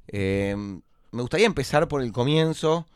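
A man's voice: a little high, animated, moderate pace, clean tone, no room sound, clean studio sound. An Argentine man hosting an interview podcast, speaking hesitantly with many restarts and fillers. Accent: Argentine Spanish. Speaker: podcast host. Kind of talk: casual interview conversation.

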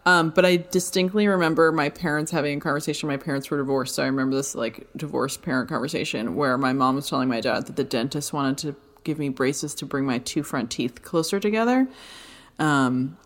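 A woman's voice: deep voice, a little fast. A woman co-hosting a podcast in casual chat, with a lisp and hissy S sounds, joking and self-deprecating. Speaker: podcast co-host. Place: live-work space.

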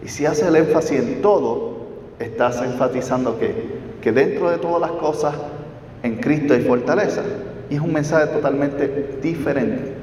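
A man's voice: fairly high pitch, moderate pace, a little mellow, slight background noise. A man teaching a Bible study class, explaining step by step and checking in with his listeners through questions. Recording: roomy hall, distant mic, dull.

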